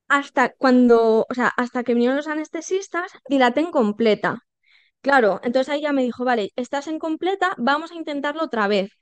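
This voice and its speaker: A woman, telling her birth story as a podcast guest, animated and acting out quoted dialogue with many fillers. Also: high-pitched, smooth, no room sound. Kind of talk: personal birth story told in conversation.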